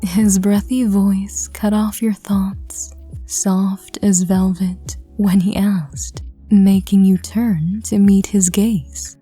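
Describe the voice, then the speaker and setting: A woman narrating in a hushed, breathy, intimate whispered role-play, addressing the listener directly. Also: medium pitch. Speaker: audio drama reader.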